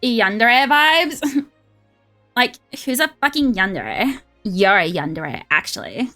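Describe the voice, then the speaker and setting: A young woman streaming a card game, chatting casually and excitably, swearing freely and sliding into a valley girl voice. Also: medium pitch, unhurried. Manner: excitable and profane, drifts into a put-on valley girl voice. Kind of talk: casual live-stream gaming chat. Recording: faint music behind.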